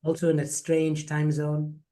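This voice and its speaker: A man's voice: fairly high pitch, monotone, measured pace, dark tone. Chatty man hosting a video call. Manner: chatty, jokey, repeats words. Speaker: program faculty host.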